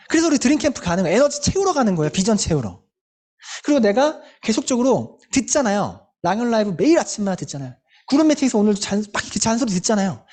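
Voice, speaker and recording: A sales team leader runs a motivational group meeting in a medium-pitched voice with a darkish tone. She's emphatic, leans on repeated rhetorical questions and speaks openly about her past struggles.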